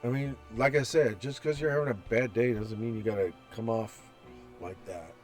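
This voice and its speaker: A man playing through a visual novel, reading its text aloud with restarts and commenting on the characters. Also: medium pitch. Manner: slow, chatty, reads text aloud with restarts. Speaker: gameplay narrator. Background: soft background music.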